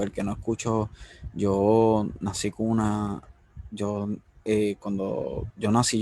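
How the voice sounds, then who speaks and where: A male host speaks confessionally and emotionally about his faith, often stretching out pauses. His voice is low and gravelly, with a steady, even pitch, and the sound is close and dry. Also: no room sound. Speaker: interviewer, host. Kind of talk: personal faith conversation.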